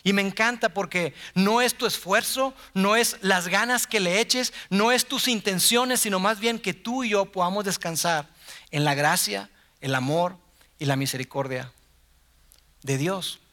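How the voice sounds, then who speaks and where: A man with a Mexican Spanish accent preaching a sermon from a church stage in a conversational way, acting out quotes in softer or louder voices. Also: high-pitched, measured pace.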